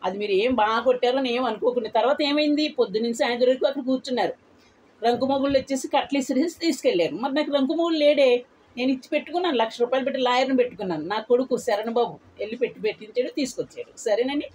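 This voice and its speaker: A woman's voice: high voice, racing, darkish tone, a little hiss or hum, poor audio. A woman in her eighties chatting bluntly and at length to her viewers in a casual vlog. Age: 80s. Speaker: vlogger. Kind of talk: casual chat to camera.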